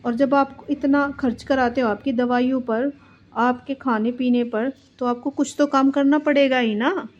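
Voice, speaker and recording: Cartoon younger daughter-in-law, blunt and demanding, high voice, lo-fi with faint music, as a woman puts her on. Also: fairly even intonation, measured pace, darkish tone. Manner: blunt, lecturing.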